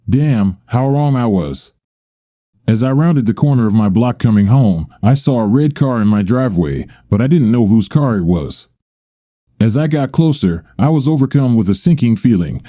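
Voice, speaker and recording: Dark-voiced man narrating a story. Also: mid-range voice, no echo, clean studio sound. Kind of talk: first-person story narration.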